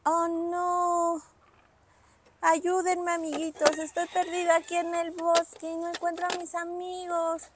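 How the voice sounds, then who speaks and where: Casting: woman as a plaintive lost toy unicorn, very high, sing-song and pleading. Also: monotone, a little slow, noisy background. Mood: distressed, pleading.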